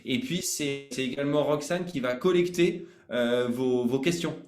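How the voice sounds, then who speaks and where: A man's voice: medium pitch, moderate pace, darkish tone, reverberant. A man hosting a live online sales training, chatty and informal, hesitating often with fillers.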